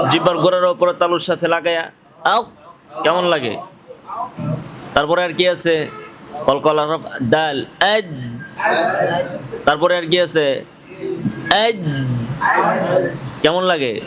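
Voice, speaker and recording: Bangladeshi male teacher with a slightly raised pitch, drilling a classroom on letter sounds over a faint hum of noise. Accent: Bangladeshi Bengali. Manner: asks the class questions and answers them himself, demonstrating sounds. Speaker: Quran recitation teacher. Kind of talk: classroom tajweed lesson. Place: classroom with students.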